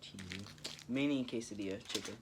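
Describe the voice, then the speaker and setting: A man's voice: on the low side, fairly quick, noisy background. A young man, a new father, with a congested, froggy throat, chatting easily and rambling through a story in a vlog. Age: young adult. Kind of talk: casual chat over a mukbang.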